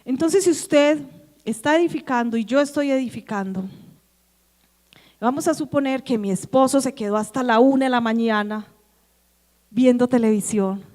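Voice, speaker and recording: A woman preaching in a church, speaking with a Colombian Antioquia accent. Her voice sits high, and her sermon is lively, full of questions thrown at the congregation. Behind her the church hall rings with a long reverb. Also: normal speed, pauses often. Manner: lively, acts out quoted dialogue, asks the congregation questions.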